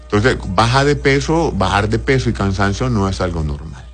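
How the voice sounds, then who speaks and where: Man, doctor, low voice; reads listener questions and gives plain advice, with faint music under him. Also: expressive, normal speed. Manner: plain advisory tone, tags "¿verdad?". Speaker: doctor answering viewer questions. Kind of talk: reading and answering questions.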